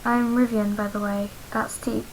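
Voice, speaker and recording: A woman voicing a shy teenage boy who speaks quietly and hesitantly. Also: on the high side, flat delivery, moderate pace, slight background noise, lightly acted, poor audio. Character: shy, soft-spoken teenage boy in a mask.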